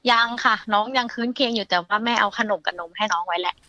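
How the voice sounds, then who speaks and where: A woman's voice: medium pitch, bright, forceful tone, dry recording. A woman caller telling a ghost story in a chatty way, calling in by phone. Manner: fast-talking, chatty. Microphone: phone call. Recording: dull phone line.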